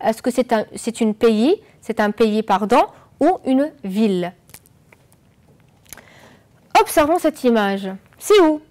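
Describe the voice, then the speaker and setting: A woman teaching French on an educational channel, explaining slowly and clearly and asking the viewers questions. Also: a little high, lively intonation, a little mellow. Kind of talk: televised classroom lesson.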